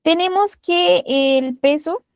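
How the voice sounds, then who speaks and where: High-voiced woman tutoring physics. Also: slow, no room sound. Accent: Colombian Spanish. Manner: patient step-by-step explaining with casual fillers. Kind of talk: explaining a physics problem while drawing.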